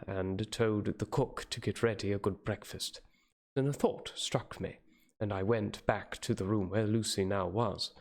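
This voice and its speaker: A man narrating a classic novel as a hammy dramatic reading, sometimes stumbling and going back over phrases. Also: lowish voice. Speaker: reader. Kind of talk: dramatic audiobook-style narration.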